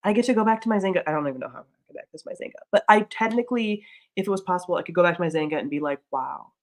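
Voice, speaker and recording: A woman's voice: lowish voice, racing. A woman in her thirties streaming casually, rambling through chat with lots of "like"s at a desk mic. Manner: chatty and rambling, many "like"s.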